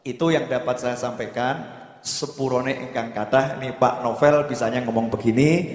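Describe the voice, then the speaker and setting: A man giving a religious lecture, telling stories and rising to loud urging. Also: mid-range voice, fairly even intonation, moderate pace. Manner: storytelling, rises to loud urging. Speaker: preacher. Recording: echoey hall with long reverb.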